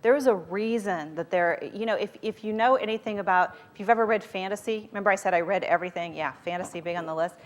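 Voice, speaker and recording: A woman's voice: medium pitch, fast talker, few pauses. A woman speaking as a motivational workshop leader to a live group, conversational and emphatic, often using rhetorical questions.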